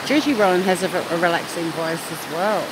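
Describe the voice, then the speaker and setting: Speaking a little fast in a lowish voice, an Australian woman hosts a live stream from the beach, chatting casually and cheekily as she answers viewers. Loud, steady wind or surf noise fills the outdoor recording.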